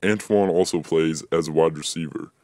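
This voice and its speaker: A man's voice: fairly even intonation, normal speed, darkish tone, dry recording. A young man reading his own short story aloud, lifting his voice for the dialogue. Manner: plain reading, voices dialogue with higher pitch.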